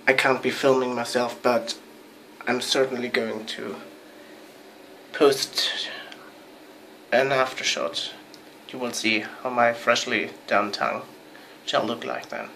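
A young man explaining things in a casual handheld phone vlog, with measured, precise and rather formal wording. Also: medium pitch, sharp tone, slight background noise, rough recording. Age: young adult.

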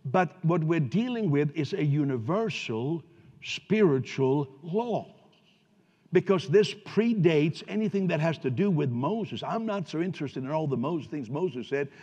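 A man's voice: a little high, expressive, a little slow, husky, long reverb tail. Male pastor, emphatic sermon delivery, dull distant church sound. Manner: conversational preaching that rises to loud emphatic peaks. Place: church sanctuary.

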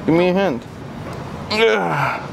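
A man's voice: on the high side, animated, moderate pace, background noise. A man family vlogger joking and teasing his family in casual banter. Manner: teasing, playful, says "bro" a lot.

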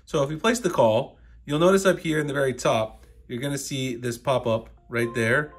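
An American man hosts a casual step-by-step tech tutorial, speaking conversationally as he explains things. He's a tech reviewer with a mid-range voice at a normal speed.

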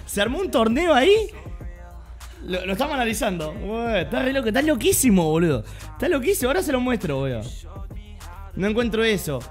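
Excitable Argentine streamer, lively high voice. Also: male voice, fairly quick, pauses often, soft background music. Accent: Argentine Spanish. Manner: excitable, slangy, repeats himself, sudden loud outbursts. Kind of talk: live gameplay streaming chat.

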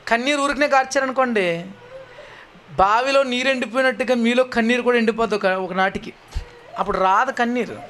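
High-voiced man preaching with pleading questions. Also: fairly bright tone. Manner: pleading, rhetorical questions with sudden rises and drops. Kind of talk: sermon.

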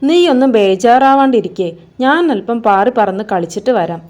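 A woman voicing a playful kite boy who coaxes and pleads in an excited way, in a read-aloud storybook. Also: fairly high pitch, normal speed, natural voice. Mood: pleading. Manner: coaxing, excited.

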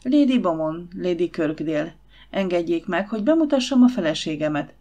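A woman voicing a calm, guarded Victorian gentleman in an audiobook, speaking in an even, measured way. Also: on the low side, lo-fi sound.

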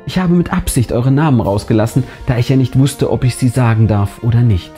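A man who narrates and hosts a channel reads a scripted first-person horror story aloud, dramatic and suspenseful. His mid-range voice has a warm tone and a fairly quick pace, with a music bed playing behind him.

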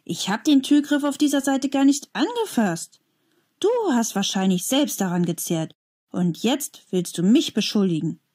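Lady doing a teasing grumpy bully kid, breathy, jumpy pitch. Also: sing-song, moderate pace, warm tone. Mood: defensive. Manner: mocking, grumbling. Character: older boy, mocking bully, sulky and gruff.

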